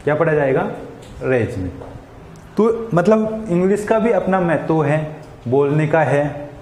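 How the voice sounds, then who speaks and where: A man's voice: a little high, measured pace, a little mellow, roomy sound, big-room sound, slight background noise. A man teaching an English lesson, asking questions and answering them himself, often checking "got it?". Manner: repeats questions and answers them himself, frequent "samajh gaye". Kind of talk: classroom lesson explaining English to Hindi speakers. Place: school classroom.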